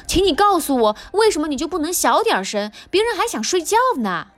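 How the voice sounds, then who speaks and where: A woman's voice: sits high, animated, normal speed. A woman voicing a cross, sleepy boy rabbit in a children's storybook reading, huffing and scolding. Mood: huffy. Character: boy rabbit with long ears, grumpy sleepy friend.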